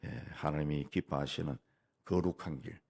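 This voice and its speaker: Gravelly low-voiced male pastor. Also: steady tone, normal speed, darkish tone. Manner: plain-spoken, punctuates points with "예" and "막". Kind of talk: conversational sermon at a dawn prayer service. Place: church sanctuary.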